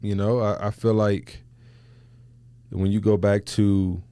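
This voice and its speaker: A man's voice: on the low side, level tone, slow, warm tone, smooth, no echo. A man hosting a podcast, talking reflectively in loose, slangy, casual conversation. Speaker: podcast host.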